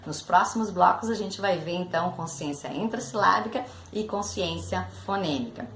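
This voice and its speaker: A woman's voice: fairly low pitch, normal speed, fairly bright tone. A woman with a Brazilian Portuguese accent, a literacy education professor, explaining step by step with concrete examples and talking directly to her listeners. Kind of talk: explanatory teaching talk. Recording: echoey room with faint background noise.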